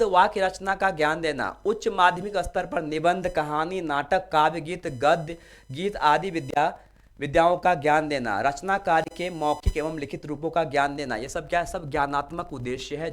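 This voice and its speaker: A male teacher giving a classroom lecture, explaining step by step and checking in with his students. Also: fairly high pitch. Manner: explanatory, asks students rhetorical check-in questions.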